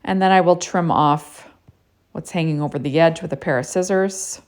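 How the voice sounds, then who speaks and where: A woman's voice: deep voice, moderate pace, darkish tone. A woman narrating a casual card-making tutorial in a chatty way, with lots of "you know" and "right?".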